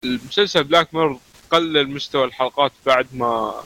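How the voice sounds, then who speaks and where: A man co-hosting a casual podcast, talking in an animated, joking way. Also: medium pitch, fast talker, rough recording. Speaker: podcast co-host.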